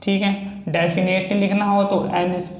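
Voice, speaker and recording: A man teaching a shorthand lesson, slowly spelling out words stroke by stroke. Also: high-pitched, little pitch movement, echoey room. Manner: slow, stretches out words as he spells them. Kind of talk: explaining a lesson.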